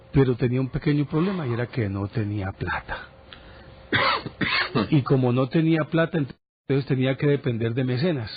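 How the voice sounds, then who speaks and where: A man presenting a TV program, telling a history story casually with lively asides. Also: medium pitch, husky. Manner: animated storyteller, chatty asides. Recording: dull broadcast audio.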